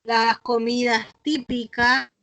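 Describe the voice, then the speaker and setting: A woman's voice: a little high, level tone, slow pace. A woman with a Chilean accent teaching an online class to children, explaining patiently and often checking in with the class. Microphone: video call. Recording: noisy video call.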